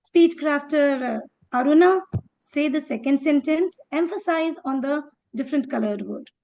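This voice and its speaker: A woman's voice: high-pitched, normal speed, gravelly, a little mellow. A woman leading an interactive speaking workshop, encouraging participants by name and acting out phrases in different tones to show how they change. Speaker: workshop educator.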